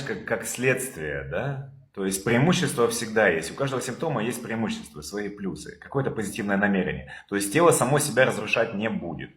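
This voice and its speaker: A man leading a calm therapy session over a video call, probing with repeated questions. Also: on the low side, roomy sound.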